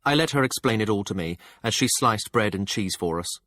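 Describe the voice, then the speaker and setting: A man narrating a fantasy audiobook in the first person, measured and calm. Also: lowish voice, no echo.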